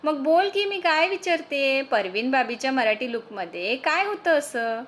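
A woman's voice: high voice, sing-song, a little slow, a bit bright, heavily acted. A woman reading the part of a woman chatting with an old college friend, teasing and probing. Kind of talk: storytelling reading.

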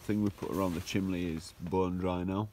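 Northern English man, casual outdoor vlogger, low-pitched, easygoing chat over light camp ambience. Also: steady tone, normal speed, darkish tone, a little hiss or hum. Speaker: camping vlogger. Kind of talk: casual outdoor vlog narration. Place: outdoors at a woodland camp by a fire.

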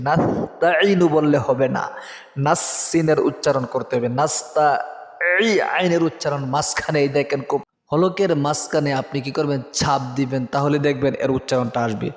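A man teaching a prayer as a repeat-after-me drill, urging listeners and then chanting each phrase slowly. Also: fairly high pitch. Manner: urgent exhortation, then slow drawn-out chanted syllables. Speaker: religious teacher. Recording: echoey room with long reverb.

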